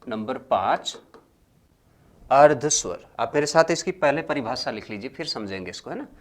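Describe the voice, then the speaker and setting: A man teaching a grammar lesson, slowly dictating notes and repeating each phrase for students to copy, then explaining more loudly. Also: medium pitch, lively intonation. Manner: swings between loud explaining and quiet dictating.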